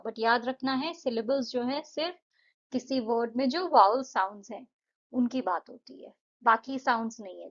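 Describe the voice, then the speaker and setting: A woman teacher with an Indian English accent talks students through an English workbook. Her voice sits slightly high, and she explains each answer patiently. She draws words out slowly to model their sounds, and the recording is dull and lo-fi. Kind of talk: Hindi-English exercise walkthrough.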